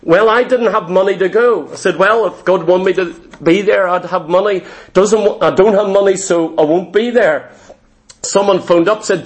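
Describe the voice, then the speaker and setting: A middle-aged man from Ireland, his voice sitting high, preaches a personal testimony. He tells his story earnestly in short, clipped phrases and repeats himself often.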